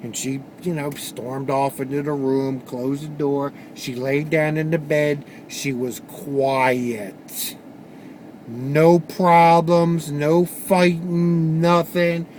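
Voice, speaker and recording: Man, higher-pitched voice, candid storytelling, halting with repeated words, blunt swearing. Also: little pitch movement, darkish tone, a little hiss or hum. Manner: halting, repeats words while gathering his thoughts. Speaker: vlogger sharing personal stories.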